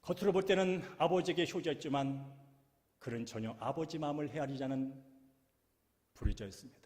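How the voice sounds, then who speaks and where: A male pastor preaching a sermon in a church sanctuary, telling the story dramatically and moving between loud and hushed passages. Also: on the high side, a little fast, long reverb tail.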